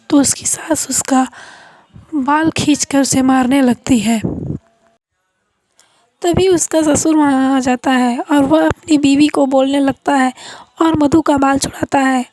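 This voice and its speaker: Woman storyteller, high voice, dry sound. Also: a little mellow, dry recording. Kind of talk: storybook narration.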